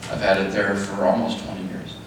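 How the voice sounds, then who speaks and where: Middle-aged man, father of the bride at the podium, halting short phrases, very reverberant room, noisy background. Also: deep voice, monotone. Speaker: father of the bride giving a speech. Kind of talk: wedding speech. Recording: echoey, noisy room, distant mic.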